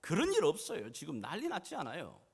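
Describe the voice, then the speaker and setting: A man preaching in the voices of panicked household servants who talk loudly and frantically. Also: huge pitch swings, brisk, creaky, breathy edge, full character voice. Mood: frantic. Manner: loud, high, frantic pleading. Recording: church hall reverb.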